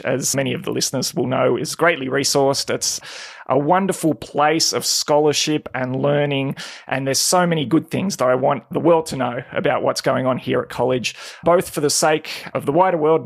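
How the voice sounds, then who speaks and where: A man's voice: mid-range voice, gravelly. A man, telling his story earnestly as a podcast guest. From Hungary, raised in Sydney. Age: 40s. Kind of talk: conversational interview.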